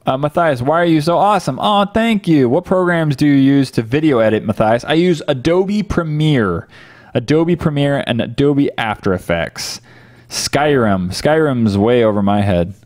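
This livestream host is a man with a medium-pitched, slightly mellow voice and lively intonation, speaking at normal speed. He chats casually with viewers from an indoor home office, close to a desk microphone on a boom arm.

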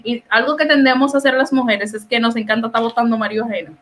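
A woman's voice: a little high, fast talker, noisy background. A woman with a Dominican accent, co-hosting a casual podcast chat and acting out quoted lines. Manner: animated, acts out quoted dialogue. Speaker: podcast co-host.

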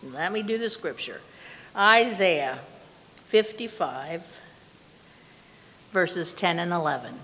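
This older woman has a lowish, fairly bright voice with lively intonation. As a lay speaker, she stands at the pulpit of a small church giving an earnest, plainspoken testimony and prayer in slow, measured phrases. Heard through a far camera at the back of the room, the church hall sounds reverberant, with faint hiss.

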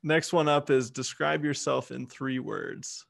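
Male podcast host, gravelly, laid-back and encouraging, dry close-mic sound. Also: mid-range voice, little pitch movement, a little slow, fairly bright tone, dry recording. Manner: easygoing, affirming, reads out questions. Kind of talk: casual podcast interview.

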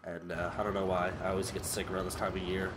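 Deep and fairly bright, this young man's voice comes out fast and flat over a headset mic, stuffy as if he's ill, with a little hiss or hum and game music underneath. Hosting a horror let's play for his gaming channel, he's jittery and nervous, frequently yelping and laughing.

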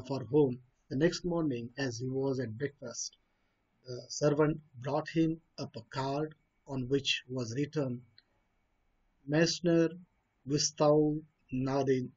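Indian english guy going over a story for a class, lots of uhs, slightly husky voice, dull lo-fi recording. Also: mid-range voice, darkish tone. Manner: hesitant, many uh fillers and restarts. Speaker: teacher explaining a story. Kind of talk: reading and explaining a story.

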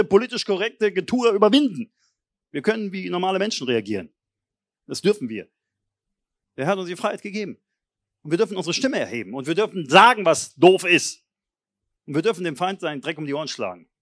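Male pastor, blunt and colloquial, hushed one moment and roaring the next, dry close recording. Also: no room sound. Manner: swings between low intense murmurs and loud forceful exhortation; blunt colloquial preaching, direct address. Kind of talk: charismatic sermon.

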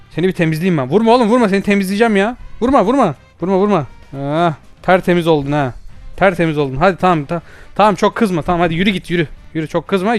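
A young man giving playful, teasing commentary while playing a VR game. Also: high voice. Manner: excitable, teasing, bursts of shouting and laughter. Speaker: gaming YouTuber. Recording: faint background music.

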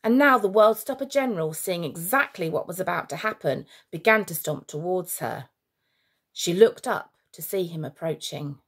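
Woman reading a kids' story aloud, animated pitch, expressive teacher. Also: moderate pace, slightly rough. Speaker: teacher reading a children's book.

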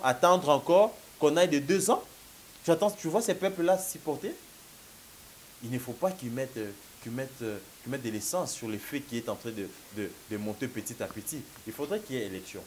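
A man in his thirties with a Congolese French accent and a slight cold argues emphatically as a political analyst in a talk show debate, gesturing and repeating "mon cher ami." His voice is a little high and a little mellow. The audio is poor, recorded on a lapel mic with faint hiss.

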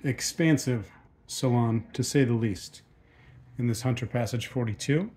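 A relaxed man gives a spoken tour of a docked sailboat, recorded on a handheld phone as he walks around. His voice sits at an ordinary middle pitch. He talks casually and fills his pauses with ums and uhs. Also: breathy edge. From United States. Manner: relaxed, thinks aloud with frequent ums and uhs. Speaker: yacht salesman giving a boat tour. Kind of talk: casual walkthrough narration. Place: aboard a docked sailboat, outdoors then in the cabin.

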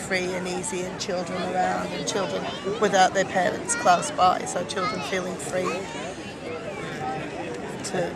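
A woman's voice: lowish voice, completely flat delivery, measured pace. A middle-aged woman from England answering interview questions outdoors at a festival, thoughtful and rambling with many fillers. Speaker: festival goer. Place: outdoor festival grounds near tents, sunny. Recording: loud crowd all around outdoors.

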